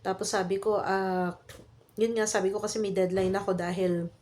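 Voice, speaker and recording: A woman's voice: mid-range voice, flat delivery, normal speed, darkish tone, slight background noise. Chatty Filipino woman with a cold. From Philippines. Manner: chatty Taglish with many fillers and tag questions. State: has a cold and cough. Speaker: vlogger. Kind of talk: casual storytelling vlog.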